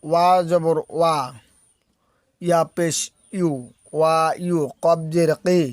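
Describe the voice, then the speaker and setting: A man's voice: fairly high pitch, monotone, slow, darkish tone, no echo, clean studio sound. A man teaching Quran reading from Bangladesh, spelling out Arabic letters one syllable at a time and drawing out the long vowels. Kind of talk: slow spelled-out recitation lesson.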